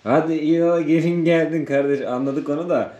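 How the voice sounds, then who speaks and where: A man's voice: a little high, fairly even intonation, brisk, mellow. A man from Turkey hosting a travel vlog in casual, chatty, familiar talk. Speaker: travel vlogger host.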